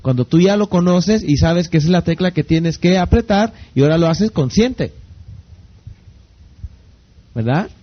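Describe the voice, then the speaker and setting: High-voiced man lecturing with rhetorical questions. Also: animated, moderate pace, long pauses, dull audio. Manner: keeps asking rhetorical check-in questions. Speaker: leadership speaker. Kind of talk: lecture to an audience.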